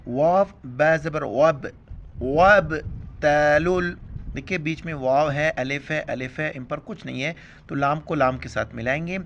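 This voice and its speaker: A man teaching Quran recitation, explaining letters quickly in Urdu with a Pakistani accent, then chanting verses slowly and loudly. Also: fairly high pitch, a little hiss or hum. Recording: dull lo-fi sound.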